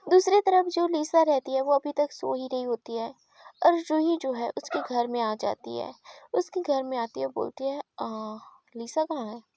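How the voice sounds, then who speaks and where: A woman's voice: sits high, moderate pace, vocal fry, warm tone, no room sound. A woman narrating a story in a chatty, casual way, often correcting herself. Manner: chatty, with frequent self-corrections.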